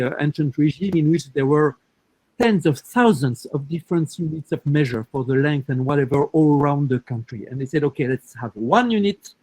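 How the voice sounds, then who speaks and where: A man answering a question on a panel, explaining through examples and often pausing to restart his sentences. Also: fairly high pitch, darkish tone, no room sound, rough recording.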